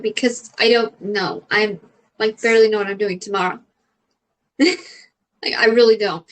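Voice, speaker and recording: A woman's voice: mid-range voice, steady tone, normal speed, poor audio. A young adult woman, a comedian, chatting casually as she answers questions, rambling with lots of fillers and casual swearing. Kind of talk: casual chat.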